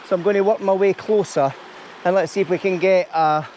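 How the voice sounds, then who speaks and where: High-voiced Scottish man vlogging outdoors. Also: steady tone, fairly quick, a little mellow, a little hiss or hum. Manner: chatty, explaining as he goes. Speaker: YouTube vlogger and landscape photographer. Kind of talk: casual outdoor vlog commentary. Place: outdoors by a stream under a bridge.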